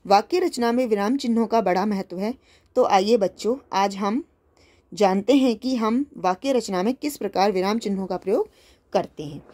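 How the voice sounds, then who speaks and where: A woman's voice: medium pitch, warm tone. A woman teacher patiently explaining a school worksheet to young children, often repeating and rephrasing her points.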